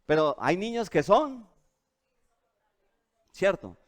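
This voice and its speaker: A man preaching a sermon as pastor, questioning his listeners over and over in an animated way. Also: high voice, takes it slowly. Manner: animated and questioning, asks the audience often.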